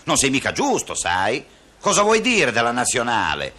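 A man's voice: medium pitch, huge pitch swings, moderate pace, sharp tone, full character voice. A man playing a nagging, moralizing conscience in a radio comedy sketch, coaxing and scolding by turns. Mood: exasperated. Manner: coaxing, scolding, repeats the other man's name. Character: nagging moralizing male conscience, talkative and reproachful. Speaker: comic actor.

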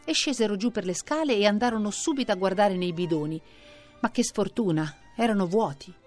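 A woman narrating a traditional children's story in an expressive reading voice. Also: medium pitch, fairly quick, soft background music.

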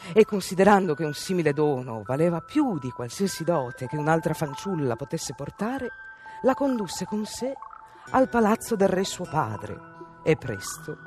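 A woman reading a fairy tale aloud for radio with an expressive, animated delivery. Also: low voice. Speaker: storyteller.

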